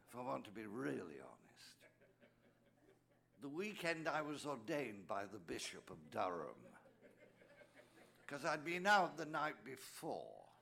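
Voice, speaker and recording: An older Englishman, a priest, telling his own story to a recovery meeting in an anecdotal way. His pitch sits in the ordinary middle for a man, and he slips joking asides to the audience into the testimony. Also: creaky, bright, forceful tone. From England. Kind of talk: personal testimony speech.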